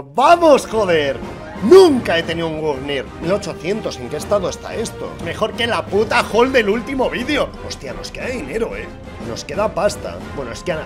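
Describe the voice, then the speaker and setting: Excitable swearing Spanish gamer man. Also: a little high. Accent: Spain Spanish. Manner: excitable, swears a lot, shouts at big wins. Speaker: gaming YouTuber. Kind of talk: casual commentary while opening online skin cases.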